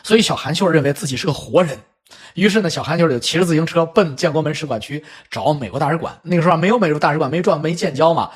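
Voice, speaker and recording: Husky, animated middle-aged storyteller man. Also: on the high side, quick pace. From China. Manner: animated, chatty, with spoken asides. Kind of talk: casual storytelling commentary.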